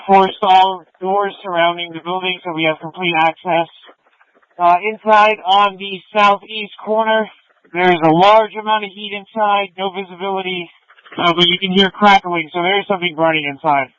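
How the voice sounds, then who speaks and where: A man's voice: high-pitched, fairly even intonation, moderate pace, fairly bright tone, dry recording. A male firefighter giving incident reports to command over a two-way radio. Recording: tinny narrowband fire radio transmission.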